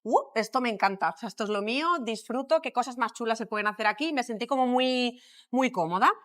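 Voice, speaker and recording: A middle-aged woman from Madrid with a Spanish accent, a plastic surgeon talking as a podcast guest, thinking aloud with many pauses and fillers. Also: on the high side, a bit bright. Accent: Spanish from Spain. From Madrid, Spain. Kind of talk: podcast interview.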